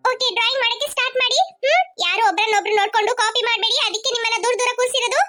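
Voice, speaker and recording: A woman voicing a patient, motherly class teacher in a cartoon, gently instructing and scolding her pupils. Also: very high voice, rapid-fire. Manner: chatty, gently scolding, keeps asking "okay?". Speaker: schoolteacher. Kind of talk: cartoon voice acting. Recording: light children's music behind.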